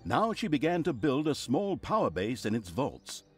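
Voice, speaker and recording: A man's voice: mid-range voice, big pitch swings, normal speed, slightly rough, faint music behind. A man voicing a sardonic game narrator who tells the story with mocking, theatrical asides. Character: sardonic male narrator who gloats over evil deeds.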